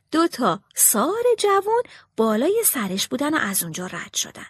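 A woman reading a children's story aloud as its narrator, with expressive delivery. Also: high voice, husky, no echo.

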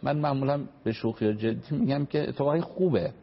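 In a creaky, medium-pitched voice, a man who works as a family counselor walks radio talk show listeners through parenting. He is earnest and explanatory, using lots of examples and courteous formal phrasing, and the radio audio is dull and lo-fi.

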